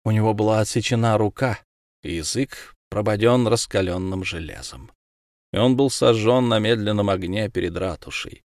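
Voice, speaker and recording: A man narrating a storybook in an expressive reading. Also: lowish voice, normal speed, no echo, studio quality. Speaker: audiobook narrator. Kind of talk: scripted narration.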